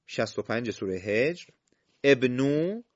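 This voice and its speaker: A man teaching the rules of Quran recitation, explaining step by step, quizzing his listeners and reading example words slowly. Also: mid-range voice, lively intonation. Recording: slightly dull lo-fi recording.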